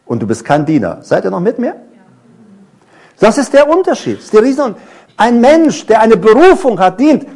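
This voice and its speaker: A middle-aged male preacher in full sermon. His voice sits high and leaps up and down, lively and expressive. He draws the congregation in with questions and stories from his own past. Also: normal speed. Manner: animated, asks the congregation many questions; tells personal stories.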